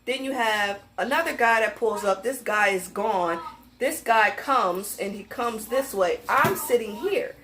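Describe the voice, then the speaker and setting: A young woman tells a story to her vlog audience in an animated, emphatic way, laughing easily as she goes. Her voice sits a little high and sounds bright and forward. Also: measured pace, slight background noise. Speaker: vlogger. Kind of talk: casual storytime.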